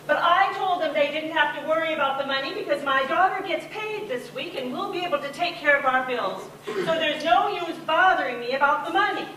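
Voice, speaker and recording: A confused mother rambles on in a high, lively voice that swoops up and down, as an actress plays her. She is heard from far across a very echoey stage, with faint hiss behind. She talks in a flustered, scattered way. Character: confused older mother, fixated on cleaning, rambling.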